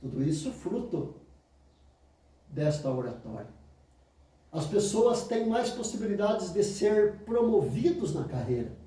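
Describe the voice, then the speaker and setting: A man in his fifties with a Brazilian Portuguese accent, teaching oratory in an emphatic motivational lecture that mimics excuses in a higher voice and answers them low and firm. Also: very animated, measured pace, pauses often, warm tone. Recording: very echoey room, mic far off.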